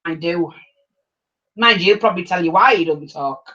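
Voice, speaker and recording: A middle-aged woman with an English accent chatting casually and telling anecdotes in a blunt, animated way on a livestream. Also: fairly low pitch, normal speed. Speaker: livestream host. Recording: dull lo-fi livestream audio.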